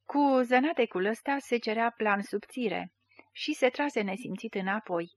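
A woman reading a literary short story aloud in a measured, expressive way. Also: fairly high pitch, no echo, studio quality. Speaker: audiobook reader.

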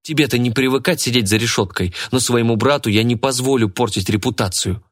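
A man's voice: mid-range voice, brisk, lightly acted. A man voicing a protective mother who scolds and protests indignantly. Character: protective stern mother, sharp-tongued.

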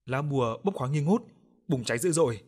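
A man narrating a ghost story in a steady, ominous storytelling manner. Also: mid-range voice, fast, slightly rough. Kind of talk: scripted horror narration.

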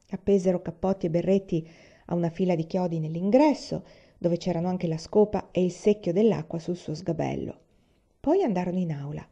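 A woman reading a children's novel aloud in a calm, measured storytelling manner, lifting her voice higher for the characters' lines. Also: lo-fi sound. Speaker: reader.

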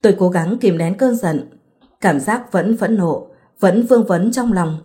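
A woman narrating a first-person story in an even, measured reading voice. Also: mid-range voice.

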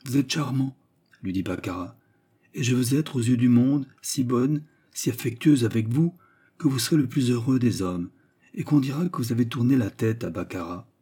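A man reading aloud and voicing a proud, mysterious young woman who speaks gravely and solemnly. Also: mid-range voice, normal speed, mellow, natural voice. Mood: persuasive. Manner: grave and solemn, at times light.

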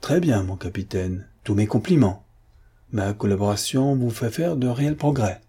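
Ironic, sneering gentleman, read by a man; sarcastic, low, husky voice. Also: expressive, normal speed.

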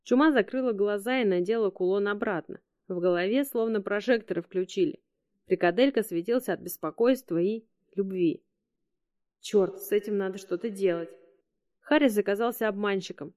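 A woman reading an audiobook in a steady, matter-of-fact narration. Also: mid-range voice, no echo, clean studio sound. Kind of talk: scripted narration.

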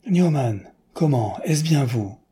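A man voicing a chatty, boastful middle-aged male expatriate who speaks in a confiding, lively way. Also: moderate pace, lightly acted. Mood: surprised delight. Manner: confiding, animated, raised pitch.

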